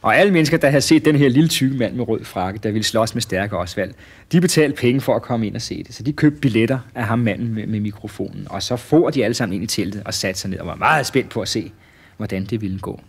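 A man narrating a children's story in a relaxed, lively way with small hesitations. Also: on the low side, breathy edge.

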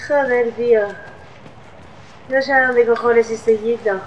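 A high-pitched woman with a Spain accent talks slowly through a horror game, her casual commentary salted with swearing as she jumps at every scare. She sits a little back from the mic, with a faint hiss underneath. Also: distant mic, low-quality recording. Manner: casual, swears often, easily startled. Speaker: gameplay streamer.

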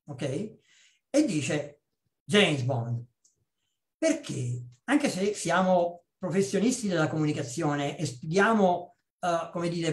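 A man in his fifties from Naples, a public speaking trainer giving a chatty webinar talk with personal stories, often checking in with a quick "ok?". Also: sits high, roomy sound. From Naples, Italy. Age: 50s. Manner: lively, conversational, checks in with "ok?" and tosses in blunt asides. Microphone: video call.

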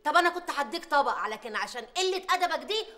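A woman's voice: high voice, expressive, fast, bright, forceful tone. An indignant older Egyptian mother. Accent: Egyptian Arabic.

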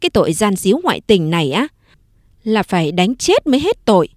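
A woman's voice: medium pitch, sing-song, fairly quick, darkish tone, no room sound, studio quality, natural voice. A woman narrator voicing a sly, scheming young woman who sneers and cuts at others. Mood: sneering. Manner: sneering, cutting.

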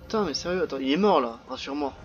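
Chatty gamer, dull lo-fi mic. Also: male voice, on the high side, expressive, racing, soft background music. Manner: chatty, jumpy reactions, swears often. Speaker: gaming video host. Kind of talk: casual let's-play commentary. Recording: dull lo-fi sound with faint noise.

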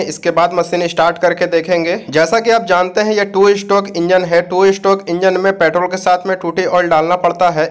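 Man from India, fairly high pitch, instructive workshop tutorial, speaks directly to viewers. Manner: plain instructive talk, addresses viewers directly. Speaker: repair channel host. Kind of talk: step-by-step repair tutorial.

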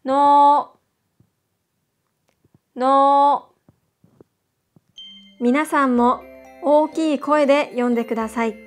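A woman teaching a scripted beginner language lesson, drilling single syllables with slow, careful enunciation. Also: high voice, faint music behind.

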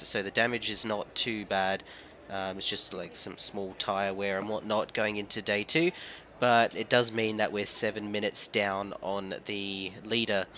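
A young man from England, husky and nasal from a cold, chatting casually as he plays and commentates a rally game. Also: on the low side, slight background noise. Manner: chatty, bursts into loud exclamations. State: has a cold. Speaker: gaming video host.

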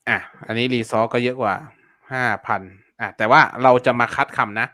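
Brief: man, live-stream teacher, bright forceful voice, chatty and repetitive with polite fillers. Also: mid-range voice, fairly even intonation, moderate pace, no room sound. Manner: chatty, repeats words and fillers, polite particles. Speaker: online seller teaching keyword research. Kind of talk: casual live-stream lesson.

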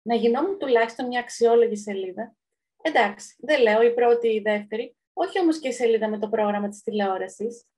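A woman's voice: on the high side, a little mellow, natural voice. A woman voicing a sad little milk carton in a storybook reading, sighing and plaintive. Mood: grumbling.

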